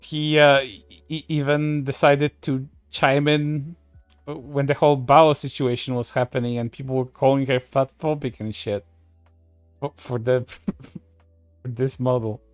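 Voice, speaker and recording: A man's voice: medium pitch, fairly even intonation, measured pace, clear, resonant tone, no room sound, faint music behind. A man commenting on online posts in a sarcastic, profane way, with many fillers and restarts. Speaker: streamer.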